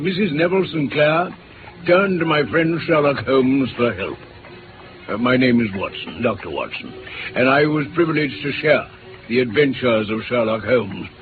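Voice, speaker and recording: An actor playing an earnest Victorian doctor, courteous and formal, in old-time radio drama. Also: male voice, fairly high pitch, roomy sound. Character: earnest, gentlemanly Victorian doctor narrating his adventures. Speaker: narrator. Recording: muffled old radio recording with music.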